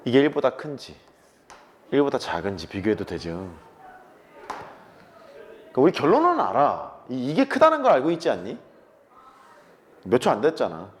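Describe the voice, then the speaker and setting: Man in his 30s, brash classroom math teacher, swings his pitch widely, needles students with casual swearing. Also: wildly swooping pitch, normal speed, long pauses, a little hiss or hum. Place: classroom with chalkboard.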